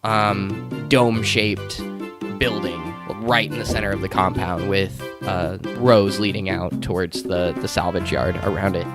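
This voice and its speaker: A man's voice: sits low, steady tone, measured pace, loud music behind the voice. A man narrating as game master, describing scenes with frequent ums and uhs. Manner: descriptive with many fillers.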